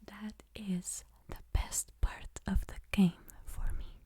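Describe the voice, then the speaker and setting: A woman whispering softly in a gentle ASMR style, slowly showing the pieces of a board game. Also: mid-range voice, level tone, husky. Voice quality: soft whispering. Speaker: ASMR creator. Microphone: close mic.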